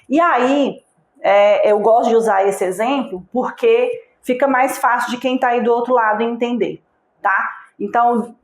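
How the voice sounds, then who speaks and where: A woman's voice: fairly high pitch, reverberant. A woman teaching a recorded online lesson. She speaks patiently, asks the viewer direct questions, and checks in with short tags. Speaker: online course instructor.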